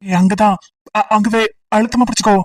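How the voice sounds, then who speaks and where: A woman's voice: medium pitch, steady tone, fairly quick, darkish tone, far from the mic, natural voice, low-quality recording. A woman voicing a teasing, persistent young male college student in an amateur audio drama, talking in a playful, coaxing way.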